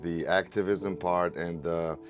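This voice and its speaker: A man's voice: sits low, fairly even intonation, measured pace, over music. A man interviewing casually, summing up and feeling his way toward each question.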